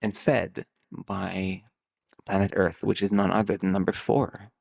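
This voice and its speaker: In an improvised solo podcast, a numerologist host muses aloud in a rambling way, stretching key words and often starting sentences over. His low-pitched voice is creaky and darkish, with little pitch movement and a slightly slow pace.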